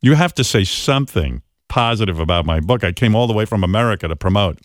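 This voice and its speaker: A man's voice: lively intonation, fast, no echo, studio quality, lightly acted. A man voicing a male political spokesman cheerfully plugging his book. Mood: chirpy. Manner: chirpy sales pitch.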